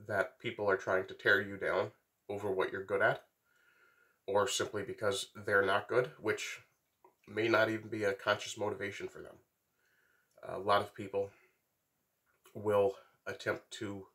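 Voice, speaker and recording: A middle-aged man, sick with a blocked, congested nose, rambling haltingly in a casual monologue to camera in a small wooden workshop. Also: lowish voice, a bit bright. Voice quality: stuffy, congested nasal sound. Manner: rambling, halting, with long pauses. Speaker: vlogger.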